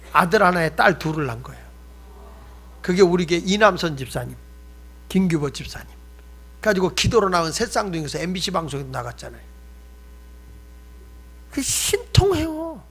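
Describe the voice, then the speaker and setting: Guy pastor with a high voice, joking storyteller sermon, chatty with the crowd. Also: a bit bright. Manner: humorous storytelling, chatty and direct with the congregation.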